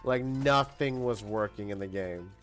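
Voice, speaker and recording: A man streaming a shooter game, commenting casually and shouting when he gets killed. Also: on the low side, measured pace, music in the background. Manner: excitable, yelling at sudden kills. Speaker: livestreaming gamer.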